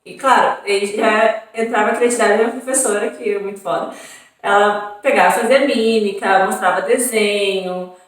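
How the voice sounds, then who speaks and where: A woman's voice: mid-range voice, steady tone, moderate pace. A young Brazilian woman with a southern Brazilian accent, chatting casually as a vlogger and tossing in frequent tag questions and fillers. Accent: southern Brazilian Portuguese. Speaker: vlogger on an exchange program. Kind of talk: casual chat. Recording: very echoey room, far from mic.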